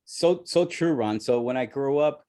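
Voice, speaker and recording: A man's voice: mid-range voice, normal speed, mellow. Earnest, laughing male co-host from El Salvador. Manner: laughs often, earnest and reflective. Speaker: co-host, immigration lawyer. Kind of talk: casual radio chat.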